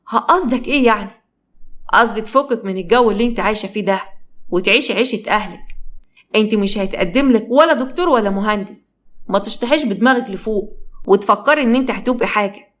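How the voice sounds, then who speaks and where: A woman's voice: medium pitch, lightly acted. A woman voicing a sleazy idle young man taunting a girl, in an Egyptian accent. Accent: Egyptian Arabic. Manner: leering, mocking.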